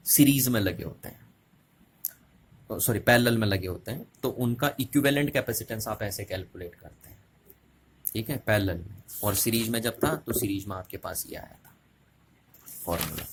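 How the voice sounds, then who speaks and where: Low-voiced man teaching physics. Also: a little hiss or hum. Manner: repetitive, checking questions to students. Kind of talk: explaining at a board.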